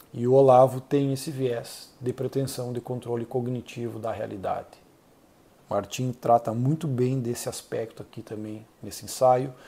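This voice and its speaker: A Brazilian man hosting a channel, giving earnest, measured solo commentary with frequent hesitations. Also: medium pitch, gravelly, mellow. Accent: Brazilian Portuguese. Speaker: channel host reviewing an essay.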